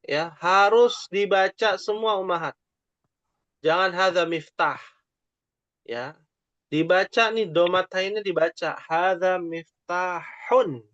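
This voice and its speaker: Male online tutor, unhurried patient delivery, fairly high voice, dull dry lo-fi call audio. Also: a bit bright, dry recording. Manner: slow, patient, drawn-out modelling of Arabic phrases. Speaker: Arabic teacher. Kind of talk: online class teaching. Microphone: online call microphone.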